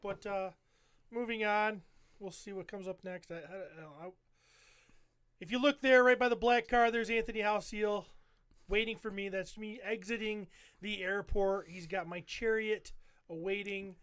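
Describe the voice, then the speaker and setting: A man's voice: high voice, moderate pace, a bit bright, smooth, no echo. A man co-hosting a podcast, casually telling a rambling trip story over photos and cursing a lot. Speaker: podcast co-host.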